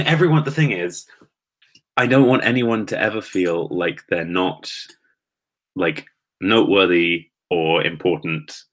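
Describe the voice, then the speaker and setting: Nervous, rambling man, deep voice. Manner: nervous, rambling, self-deprecating. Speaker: streamer. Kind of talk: casual chat reading live comments.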